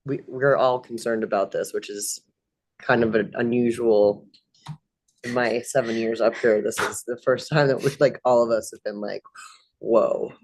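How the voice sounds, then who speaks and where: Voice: mid-range voice, fairly even intonation, normal speed, poor audio. A council member speaking casually at a meeting, hesitant and repeating words while raising concerns. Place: council chamber.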